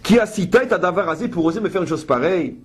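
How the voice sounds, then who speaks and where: A woman with a husky, breathy voice leads a Torah study lesson. She reads each Hebrew verse and then explains it. Her commentary is pointed and ironic. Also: fairly low pitch, expressive, fast talker. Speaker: Bible teacher.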